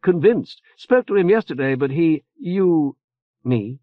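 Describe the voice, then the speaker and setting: An anxious, fumbling older churchman is voiced by a man for an audiobook, halting and hedging with frequent "uh" and "eh?" tags. He pushes his voice up to a slightly high, expressive pitch. The recording is dry, dull and muffled.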